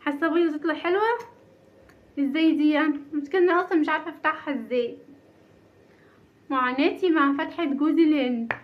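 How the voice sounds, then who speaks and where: Fast-talking Egyptian mom vlogging at home. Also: female voice, high voice. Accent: Egyptian Arabic. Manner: chatty, self-mocking, nervous laughter. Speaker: vlogger, mother. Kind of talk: casual home vlog. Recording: dull lo-fi home recording.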